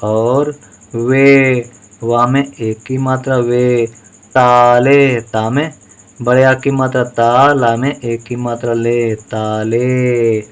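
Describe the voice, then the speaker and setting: Slow, patient man spelling out syllables. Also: medium pitch, flat delivery, clear, resonant tone. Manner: patient, sounds out each syllable and vowel sign. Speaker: Hindi writing teacher. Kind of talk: slow spelling dictation lesson.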